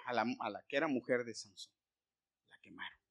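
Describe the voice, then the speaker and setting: A man preaching a sermon, retelling a Bible story in a lively way and putting questions to his listeners. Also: medium pitch, fairly quick. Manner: animated, asks the listeners questions.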